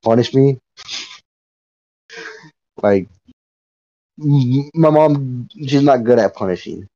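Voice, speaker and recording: A man chatting on a podcast in a dark, mellow voice, swearing freely and breaking into laughter as he rambles through a story. The recording sounds dull and lo-fi. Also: medium pitch, animated, takes it slowly. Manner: profane, rambling storyteller who laughs often. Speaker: podcast co-host. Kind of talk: casual chat.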